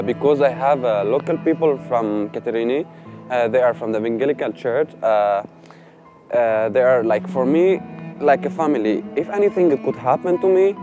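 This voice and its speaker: A young man from Syria, a refugee speaking softly and hesitantly in a documentary interview. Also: medium pitch, dull audio. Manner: soft-spoken, hesitant, with fillers.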